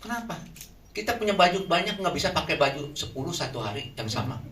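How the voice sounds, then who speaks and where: A man preaching a sermon in a lively way, often putting questions to the congregation. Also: fairly high pitch, fast talker. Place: shelter hall. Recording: echoey room from far off, faint noise.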